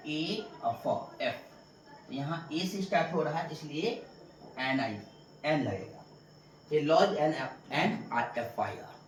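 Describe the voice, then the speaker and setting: Male teacher giving a patient board lesson; distant, echoey recording with steady noise. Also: fairly high pitch. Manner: explains step by step, repeating "ठीक है". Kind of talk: classroom grammar lesson. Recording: echoey room, distant mic, clear background noise.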